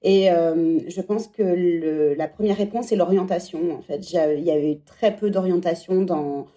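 A woman's voice: on the low side, moderate pace, dark tone. A woman in her thirties, a podcast guest and former teacher, speaking reflectively in a conversational interview. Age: 30s. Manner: reflective, thinking aloud.

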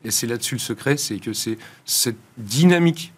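A man giving explanatory answers as an interview guest, measured and articulate, pausing between phrases. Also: mid-range voice, lively intonation, breathy edge. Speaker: institute director and founder, interview guest.

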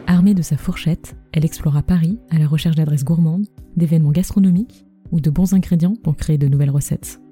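A woman's voice: low-pitched, steady tone, quick pace, dark tone, soft background music. A woman narrating a scripted story as a podcast host, speaking close and intimately into the microphone.

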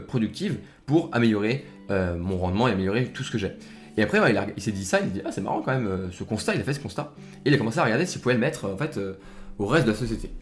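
Young male podcast host, quick and rambly, full of fillers, talks straight to the listener. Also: lowish voice. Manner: rambling, many fillers and restarts, friendly direct address. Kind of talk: casual solo podcast talk.

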